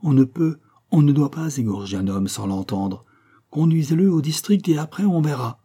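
A man's voice: a little high, animated, normal speed, dark tone, breathy edge, pitched above the performer's own voice. A man voicing a courageous male doctor appealing earnestly to an angry crowd. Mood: urgent. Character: brave male doctor calming a mob.

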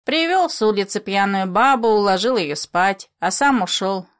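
A woman voicing a merry, boisterous poor mother who talks in loud, laughing exclamations. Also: medium pitch, expressive, moderate pace, lightly acted. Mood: teasing.

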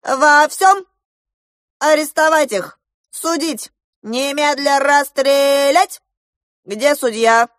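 A woman voicing a furious, blustering male army general in a storybook reading, shouting orders. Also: high voice, takes it slowly, long pauses, no echo, clean studio sound, voice pushed up. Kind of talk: audiobook character voice.

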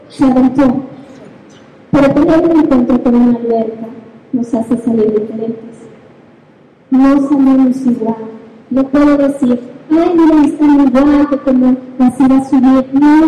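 High-voiced Mexican woman preaching in an echoey hall. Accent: Mexican Spanish. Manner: animated storytelling with sound effects. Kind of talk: preaching with a personal story. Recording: very echoey hall, faint noise.

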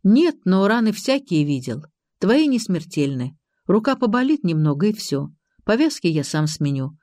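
A terse, soft-spoken loner man, as an audiobook reader puts him on. The voice is mellow and dark-toned. It sits close and dry, with no room sound. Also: mid-range voice, very animated, moderate pace, no room sound, lightly acted. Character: reserved quiet young man, wounded loner. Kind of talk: audiobook character reading.

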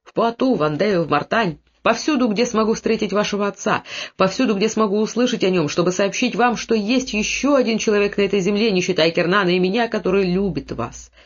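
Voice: medium pitch, brisk, lightly acted. A reader voicing a devoted, brave young nobleman who speaks with impassioned earnestness, on a dull lo-fi recording.

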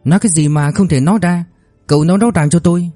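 A man putting on a shrill, quarrelsome fat woman. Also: quick pace, mellow, faint music behind, natural voice. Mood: demanding. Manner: shrieking, scolding.

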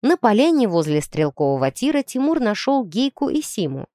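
A woman narrating a children's story in an expressive storytelling manner. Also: a little high, moderate pace, no room sound, studio quality. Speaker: audiobook narrator. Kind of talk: scripted narration.

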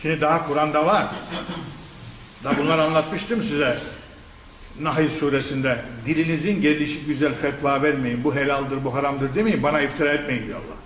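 A man giving a Quran commentary lesson as a sermon, animated and scolding, firing rhetorical questions and laughing in scorn. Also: a little high, brisk, slight background noise. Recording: echoey hall with faint ambience.

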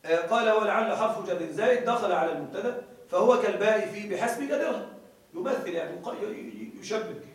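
A high-voiced man lecturing in a strongly echoing room, with his voice coming from some distance away from the mic. He reads a passage out, explains it, and keeps checking that his listeners are following along. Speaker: grammar teacher. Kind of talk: classroom lecture explaining a grammar text. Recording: very echoey room, voice from far off the mic.

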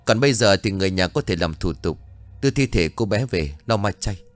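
A man voicing a forensic doctor who speaks in a calm, measured, matter-of-fact way. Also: fairly low pitch, no room sound, lightly acted.

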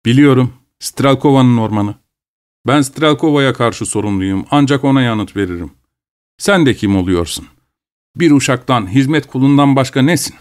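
A man's voice: medium pitch, normal speed, natural voice. A man voicing a stubborn, cheeky peasant woodcutter who talks back defiantly. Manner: defiant, mocking.

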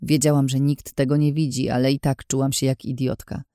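A man's voice: mid-range voice, little pitch movement, brisk, mellow, smooth, dry recording, clean studio sound. A man reading a fantasy audiobook aloud in the first person, with a tense, dramatic delivery. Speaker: audiobook narrator. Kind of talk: scripted audiobook narration.

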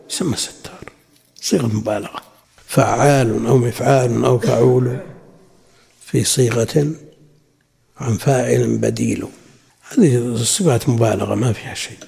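A man teaching a religious lesson, reading quotations from classical sources and then explaining them in a measured way. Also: medium pitch, creaky, warm tone, slightly rough. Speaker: Islamic scholar teaching a lesson. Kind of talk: lecture explaining a classical text. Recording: long hall reverb.

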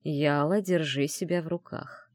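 Lady doing a low calm guy mage, quiet and stern. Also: unhurried, no room sound, clean studio sound. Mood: calm, warning. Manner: quiet, restrained warnings.

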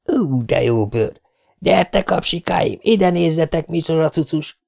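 A man's voice: fairly high pitch, expressive, vocal fry, darkish tone, voice pushed up. A man voicing a mocking, drunk young street thug. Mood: jeering. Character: greasy long-haired teen thug, jeering.

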